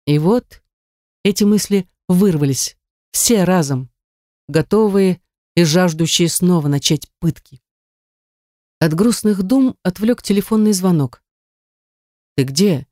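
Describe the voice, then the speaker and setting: Woman audiobook narrator, mellow voice, dry close recording. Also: on the low side, unhurried, pauses often, no echo. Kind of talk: scripted narration.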